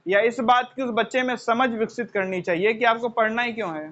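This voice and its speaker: A man with a strikingly high voice lectures students in an earnest, explanatory way. He keeps asking his listeners questions, then supplies the answers himself, and calls them children. The recording sounds muffled and lo-fi. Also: fairly even intonation, fairly quick, fairly bright tone. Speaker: teacher. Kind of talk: motivational classroom lecture. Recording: dull lo-fi recording.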